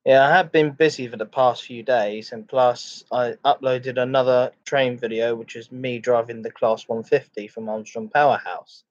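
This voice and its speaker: A man hosting a casual livestream chat, greeting viewers in a halting, repetitive way. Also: medium pitch, steady tone. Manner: halting, repeats phrases. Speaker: live streamer, host of a chat and ASMR stream. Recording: dull lo-fi microphone sound.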